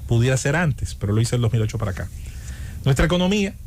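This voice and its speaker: A man's voice: medium pitch, lively intonation, fast, darkish tone, a little hiss or hum. A man, hosting a radio interview and putting his points to the guest in a conversational way. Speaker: radio host.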